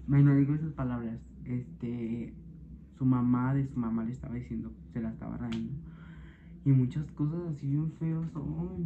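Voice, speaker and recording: Chatty Mexican man, tinny noisy audio. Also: medium pitch. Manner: chatty, gossipy, frequent "ay, no" exclamations. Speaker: vlogger. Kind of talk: casual home vlog chat. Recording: tinny lo-fi audio with clear background noise.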